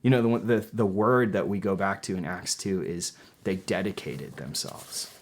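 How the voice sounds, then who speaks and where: A man's voice: low voice, normal speed, slight background noise. A young man in a casual interview, telling stories with many fillers and acting out what people said. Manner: animated storyteller, acts out quotes loudly; filler-heavy, many restarts. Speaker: podcast guest. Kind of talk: casual conversation.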